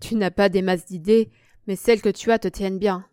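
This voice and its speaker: A woman reading the part of a cordial but stubborn country gentleman who refuses firmly and kindly. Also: mid-range voice, steady tone, brisk, clean tone, no room sound, clean studio sound, close to an everyday voice. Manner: firm but friendly refusals.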